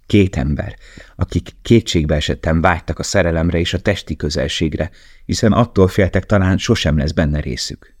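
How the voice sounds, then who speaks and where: A man reading an audiobook in a calm, measured narration. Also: low voice, dry recording, studio quality. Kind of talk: scripted narration.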